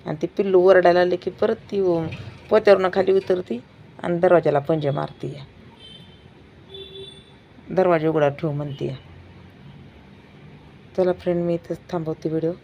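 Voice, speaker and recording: Tired woman vlogger at home after midnight, gravelly and sleepy, pleading again and again; slight background noise. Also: lowish voice, steady tone, moderate pace, pauses often, lo-fi sound. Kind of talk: casual late-night vlog. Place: home at night, by the door.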